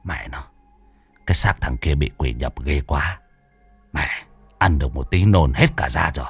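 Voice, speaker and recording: A man doing a gruff, cursing old exorcist. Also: very deep voice, moderate pace, soft background music, pitched below the performer's own voice, exaggerated voice. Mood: grumbling. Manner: coarse, cursing, grumbling. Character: gruff, crude, hungry old male exorcist.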